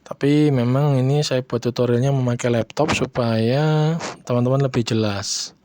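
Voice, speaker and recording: A man calmly walking viewers through a video editing tutorial, stopping often to check in with his audience. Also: mid-range voice. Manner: unhurried, repeats "ya, teman-teman" often. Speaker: tutorial host. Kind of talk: screen-recorded software tutorial.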